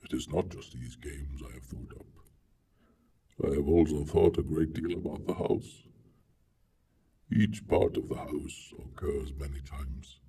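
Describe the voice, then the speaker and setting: A man voicing a proud, lonely monster in a hammy, theatrical dramatic reading, grandiose and pompous, with gravelly swells and breathy hushes. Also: a bass voice, unhurried. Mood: grave, awed. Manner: haughty, pompous. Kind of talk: dramatic reading of a literary monologue. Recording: distant mic with faint noise.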